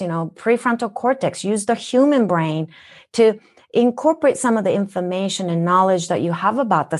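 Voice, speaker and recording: Interviewed on a podcast as a wellness guest, a woman from Japan speaks with a Minnesotan accent in a medium-pitched, darkish voice. She teaches earnestly and asks rhetorical questions.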